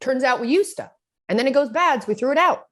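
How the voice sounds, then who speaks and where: A woman's voice: high voice, animated, fast talker. A woman from Utah co-hosting a podcast, telling rambling stories full of fillers and bursts of laughter. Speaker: podcast co-host. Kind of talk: casual chat.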